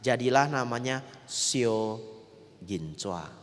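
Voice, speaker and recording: A man, a Buddhist monk, telling a story in a sermon, speaking straight to his listeners and swinging between loud and soft. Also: mid-range voice, lively intonation, slow. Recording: echoey hall.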